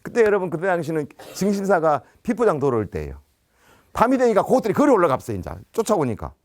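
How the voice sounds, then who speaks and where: A man's voice: sits high, big pitch swings, fast talker. A man, a teacher, giving a storytelling lecture and animatedly acting out dialogue. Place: business center lecture.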